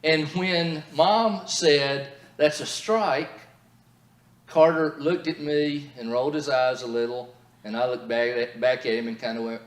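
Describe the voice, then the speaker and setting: A man's voice: mid-range voice, level tone, moderate pace. A middle-aged man giving a marriage seminar in a church, telling stories earnestly. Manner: earnest storytelling. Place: church hall. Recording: echoey church hall.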